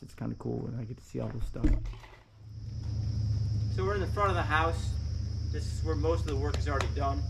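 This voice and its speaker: A man's voice: on the high side, noisy background. A man hosting a casual walkthrough vlog, chatty and plainspoken, talking from a basement under a lifted house. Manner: chatty, plainspoken, with frequent "uh" fillers. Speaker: woodworking channel host.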